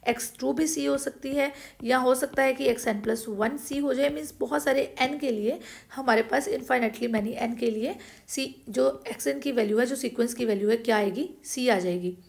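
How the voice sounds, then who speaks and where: High-voiced woman teaching math, gravelly. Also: normal speed. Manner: explains step by step, repeating each point and asking rhetorical questions. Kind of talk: blackboard math lecture.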